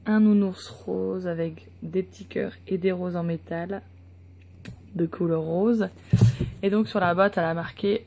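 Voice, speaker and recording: A woman's voice: on the low side, warm tone, slight background noise. A woman vlogger talking casually through an unboxing, hesitant and full of fillers.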